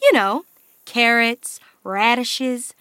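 A clever, hardworking mother rabbit from a children's radio story. Her voice sits high and bright, with lively rises and falls at an unhurried pace. The recording is dry, with faint music underneath. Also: dry recording, heavily acted. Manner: cheerful, brisk, matter-of-fact.

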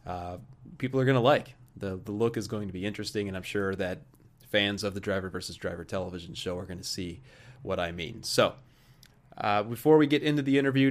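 A man's voice: on the low side, a little fast. A man in his thirties from the American Midwest hosting a golf podcast, chatting casually with many fillers in an office huddle room. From Midwest of the United States. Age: 30s. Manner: chatty, frequent fillers and restarts. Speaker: podcast host. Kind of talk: casual interview and sponsor reads.

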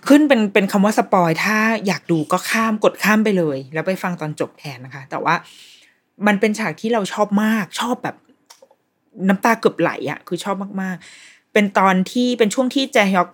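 On her podcast, a woman chats informally while reviewing a TV series, animatedly recounting scenes and restarting as she goes. She speaks at a fairly quick pace with a medium-pitched voice.

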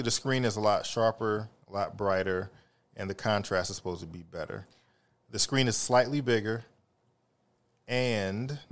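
Man, low voice, podcast co-host, relaxed explainer, casual chat. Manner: explains things at length, relaxed.

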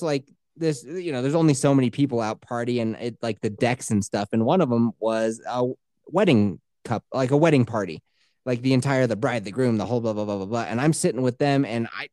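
A woman's voice: rumbling low, expressive, brisk, dark tone, no echo, studio quality. A woman telling a funny story in a casual chat, mocking herself and laughing often.

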